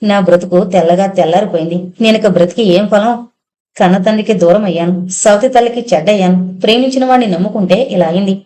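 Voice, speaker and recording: Woman doing despairing young woman, hopeless, mellow tone, audiobook. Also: mid-range voice, fairly quick, close to an everyday voice. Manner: hopeless, pleading.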